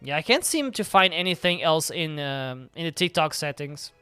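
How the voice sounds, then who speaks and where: A young man chats casually during a live game stream, rambling with plenty of filler words. His voice is bright and crisp, sitting a little high. Faint game music plays behind him. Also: lively intonation, normal speed, no room sound.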